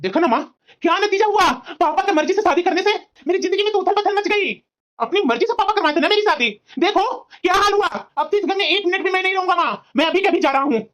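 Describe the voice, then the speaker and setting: A woman voicing an angry young husband in a cartoon story, harsh and accusing, talking fast in a high voice. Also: animated. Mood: bitter. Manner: shouting, scornful.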